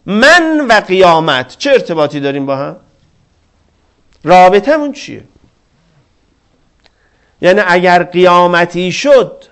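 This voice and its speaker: A man's voice: on the high side, a bit bright. A man preaching a religious sermon, asking rhetorical questions and quoting scripture with fervor.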